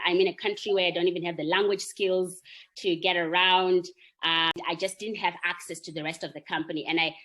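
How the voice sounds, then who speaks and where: A young woman speaks in a slightly low voice. She answers interview questions earnestly and reflectively, often checking in with her listener. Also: fairly bright tone. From Zimbabwe. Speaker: marketer and employee network founder.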